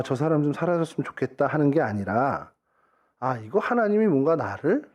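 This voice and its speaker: A man's voice: on the high side, a little mellow, muffled recording. A middle-aged man preaching a sermon in a church, talking in an easy, conversational way and acting out little everyday dialogues. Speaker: pastor. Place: church sanctuary.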